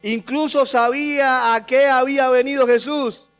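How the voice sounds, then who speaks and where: Male pastor with a very high voice, emphatic preaching that repeats its points. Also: fairly even intonation, unhurried, a bit bright, smooth. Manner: emphatic, repeating key phrases for stress. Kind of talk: sermon.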